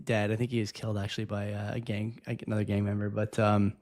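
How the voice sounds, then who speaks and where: A man's voice: on the low side, monotone, quick pace, darkish tone. A man co-hosting a podcast, talking casually and reflectively, laughing often. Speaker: podcast co-host.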